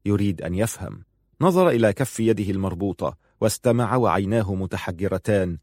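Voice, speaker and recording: A man narrates a story in a measured, grave manner. His voice sits low. The recording is dry and close. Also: a little mellow, dry recording. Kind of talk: scripted narration.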